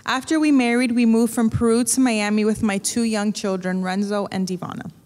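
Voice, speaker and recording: Speaking briskly with a somewhat high, steady, darkish voice, a woman interprets a testimony from a prepared translation, phrase by phrase. The setting is a church stage before an audience, a stand microphone, and the long reverb of a large hall.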